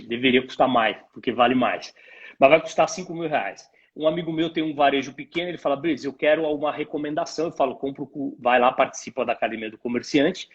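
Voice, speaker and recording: A guest retail pricing expert with a Brazilian accent and a husky, mid-range voice explains things conversationally to a live stream host. His didactic style uses imagined dialogues and rhetorical questions, and the call audio is dull and lo-fi.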